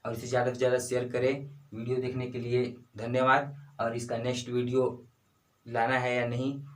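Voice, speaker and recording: A man's voice: medium pitch, little pitch movement. Man teaching by repeating himself. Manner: repeats key phrases slowly, asks and answers own questions. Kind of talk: explaining Hindi grammar to students.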